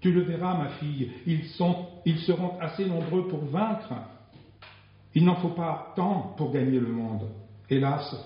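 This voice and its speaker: A man's voice: on the high side, a little slow, natural voice. A man voicing God as a stern, fatherly presence in a religious story read aloud, severe and solemn. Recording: very echoey, dull lo-fi sound.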